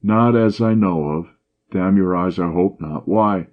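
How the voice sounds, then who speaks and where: A man voicing a loud, boisterous young horse dealer's son who blusters and bullies. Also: sits low, measured pace. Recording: dull lo-fi audio.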